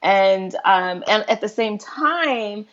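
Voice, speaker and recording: A woman's voice: mid-range voice, slow pace, lo-fi sound. A woman hosting a casual online talk show, talking things through with many restarts. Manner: animated, thinking aloud with many restarts.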